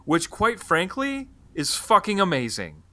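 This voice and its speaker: A man's voice: high voice, wildly swooping pitch, unhurried, bright, forceful tone. A man co-hosting a film review show, chatting casually with emphatic, comic commentary and some swearing. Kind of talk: casual comic movie recap chat.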